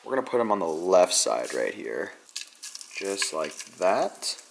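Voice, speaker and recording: A young fishing vlogger talks casually with plenty of fillers, holding a wide-angle camera at arm's length as he moves from a garage to an apartment kitchen and living room. His voice sits low, gravelly and sing-song, unhurried, with a little hiss or hum.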